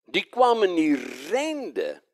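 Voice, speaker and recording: Here a high-voiced man preaches at a slow pace, recorded without echo. Animated throughout, he asks the congregation rhetorical questions, stumbles on names, and fixes his own mistakes as he goes.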